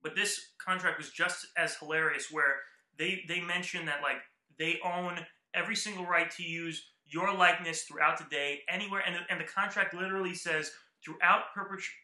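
Man, podcast co-host, quick and animated storyteller, high bright tone, roomy echo. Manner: animated, acts out quoted lines. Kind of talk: casual chat, storytelling.

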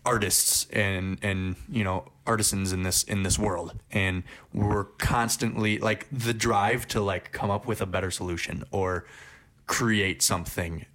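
Man, casual co-host, lower voice, thoughtful and opinionated. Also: fairly even intonation, unhurried, fairly bright tone. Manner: reflective, offers opinions thoughtfully. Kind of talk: casual discussion.

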